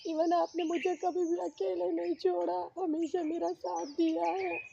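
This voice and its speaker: A woman's voice: extremely high pitch, little pitch movement, a little slow, creaky, warm tone, muffled recording, slight background noise. A woman crying as she talks to her late father at his grave outdoors, pleading with him. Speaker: vlogger. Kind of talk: tearful talk at a father's grave. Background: birdsong.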